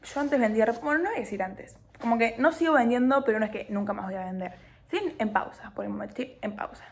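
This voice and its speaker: A woman's voice: a little high, fast. A young woman with an Argentine Spanish accent, chatting casually to camera in a vlog, self-deprecating and dropping English words into her talk. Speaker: vlogger.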